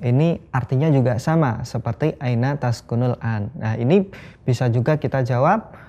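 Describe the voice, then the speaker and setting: A language teacher giving a recorded lesson, patiently repeating each example slowly and tagging phrases with a checking "ya". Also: mid-range voice, dark tone. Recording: dull lo-fi recording.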